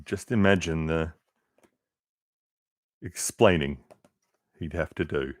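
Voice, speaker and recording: A man reading a children's picture book aloud with expressive, unhurried storytelling and casual asides. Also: a bass voice, no echo. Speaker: reader.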